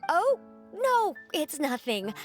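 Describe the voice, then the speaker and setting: A woman's voice: extremely high pitch, big pitch swings, slow pace, soft background music, heavily acted. A woman voicing a fussy, self-important female fishing guild representative in a video game, who dithers and keeps repeating her title.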